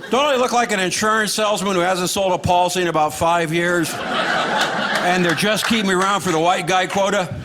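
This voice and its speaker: A man with a high-pitched American voice performs stand-up in a sarcastic, dry lilt. He is recorded live on stage, with loud room noise around his voice. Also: steady tone, brisk. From Los Angeles, United States. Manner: sarcastic, dry lilting delivery of punchlines. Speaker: stand-up comedian. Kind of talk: stand-up comedy routine. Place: live stage before a laughing audience. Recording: noisy live comedy club recording.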